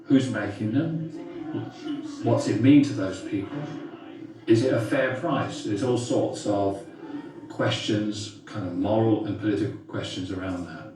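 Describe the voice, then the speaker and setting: A man teaching a class and leading a simulation game, talking in a brisk, directive way, recorded from a distance in a classroom. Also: lowish voice, darkish tone. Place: school classroom. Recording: echoey room, mic far off.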